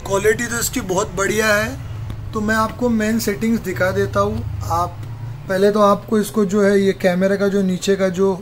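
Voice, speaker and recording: A man's voice: high voice, flat delivery, moderate pace. A man casually walking viewers through a camera setup step by step in a phone repair workshop, talking to them like friends. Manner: chatty, addresses viewers as brother, step-by-step. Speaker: mobile repair technician. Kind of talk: casual how-to walkthrough. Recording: noisy room with street traffic.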